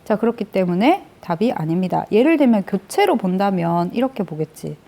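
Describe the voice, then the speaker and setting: Brisk and very animated, this woman's medium-pitched, dark-toned voice carries a grammar lecture. She works through the material step by step, raising questions and supplying the answers herself.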